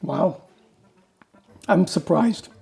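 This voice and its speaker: A man's voice: high voice, lively intonation, drawn-out words, vocal fry, a little mellow. A man tasting food with his partner in a casual chat, candid and wary of new foods. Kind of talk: casual taste-test chat.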